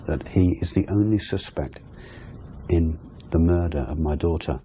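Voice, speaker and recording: A man's voice: low voice, normal speed, dark tone, a little hiss or hum. A middle-aged man giving sober answers in an interview. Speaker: interviewee, father of a victim.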